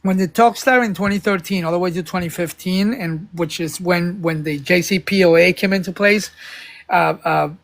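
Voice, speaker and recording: On a live panel, a man argues a political point in casual discussion, rambling with many stumbles and restarts and turning emphatic now and then. His voice is high-pitched and fairly bright with vocal fry, delivered at normal speed.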